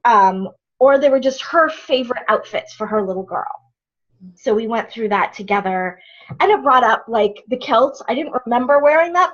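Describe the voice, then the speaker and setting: A woman telling a long personal story in casual chat on a group video call, full of fillers and asides. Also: on the high side. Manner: rambling storytelling with many fillers. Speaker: program participant. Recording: dull lo-fi video call audio.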